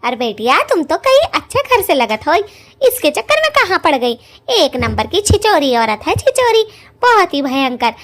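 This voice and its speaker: A prying village witch auntie in a cartoon, put on by a woman. She drawls her gossip in a high, bouncing voice. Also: big pitch swings, moderate pace, fairly bright tone. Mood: nosy.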